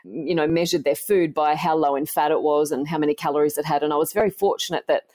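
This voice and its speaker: An Australian woman in her forties, a podcast guest gently and earnestly telling her life story. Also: sits low, fairly even intonation, fast talker.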